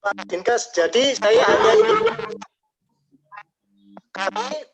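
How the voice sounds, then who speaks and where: A man's voice: high voice, wildly swooping pitch, takes it slowly, vocal fry, fairly bright tone. A male doctor speaking hesitantly in an online meeting, his voice cutting in and out over a breaking-up video call. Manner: hesitant, trailing off with many fillers. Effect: choppy, breaking-up video call audio. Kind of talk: halting remarks in a meeting. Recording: dull lo-fi call audio.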